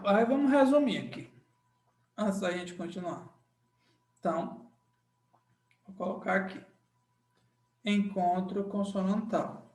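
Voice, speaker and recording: Brazilian male teacher, slow and repetitive, echoey classroom sound. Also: high-pitched, darkish tone. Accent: Brazilian Portuguese. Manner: drawn-out, repeats key phrases, checks in with "tá?". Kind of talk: grammar lesson. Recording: echoey room.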